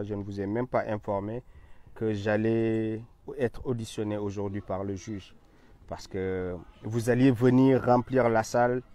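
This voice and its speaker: Man with a low voice. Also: warm tone. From Senegal. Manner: emphatic, repetitive, frequent hesitations. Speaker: online commentator. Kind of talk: direct-to-camera address.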